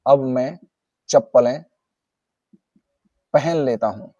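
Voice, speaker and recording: A man teaching an English speaking lesson, who repeats practice phrases slowly and talks to his viewers as guys. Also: mid-range voice, mellow, dry recording, muffled recording. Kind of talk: spoken lesson.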